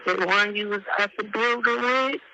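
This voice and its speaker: A woman talking haltingly, with many fillers, on a prison phone call. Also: medium pitch. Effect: prison phone line. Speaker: caller on a jail call. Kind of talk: casual phone talk. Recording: muffled, noisy jail phone line.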